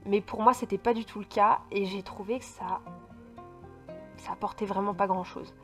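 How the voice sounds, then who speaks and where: A woman's voice: mid-range voice, fairly even intonation, moderate pace, faint music behind. A woman from France chatting casually about books in a vlog, stumbling and restarting often with lots of fillers, and speaking emphatically about her feelings. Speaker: book vlogger. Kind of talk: casual book review chat.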